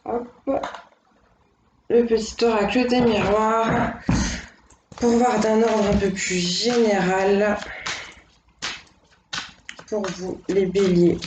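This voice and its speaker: A woman doing a casual, spoken tarot reading as host, thinking aloud in a gentle, reassuring way. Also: medium pitch, flat delivery, slow, pauses often, roomy sound, noisy background. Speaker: tarot card reader.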